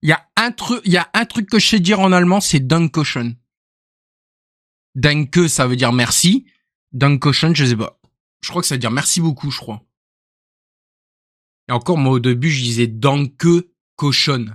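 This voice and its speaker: A man's voice: on the high side, moderate pace, pauses often, a bit bright, no echo, studio quality. A young man from northern France with a northern French accent, chatting casually and jokily on a live stream, often trailing off into mutters. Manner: rambling, jokey, trails off into mutters.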